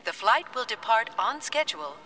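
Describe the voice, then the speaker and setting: A woman's voice: on the high side, animated, normal speed, bright, forceful tone, far from the mic, a little hiss or hum. A woman voicing a formal, matter-of-fact boarding announcer in a scripted airport announcement. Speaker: airline announcer.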